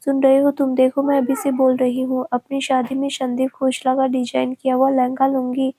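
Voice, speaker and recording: A woman's voice: high voice, completely flat delivery, normal speed, dark tone, slightly rough, dry recording. A woman reading the lines of a teasing, demanding young pregnant fiancée in a romance story. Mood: scolding. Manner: scolding, pouty.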